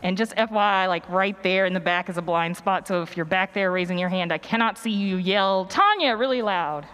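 Before getting into her workshop, a woman chats playfully and informally with the audience from a conference stage. Her voice is medium-pitched, fairly quick and a bit bright, while the live session's ambience and noticeable background noise fill the recording.

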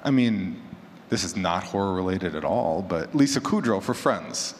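Animated and low-voiced, this man talks at a normal speed as a panelist at a convention. A horror fiction podcaster, he chats with the audience in a casual, encouraging, conversational style. The recording comes from a large, echoey indoor room with clear background noise.

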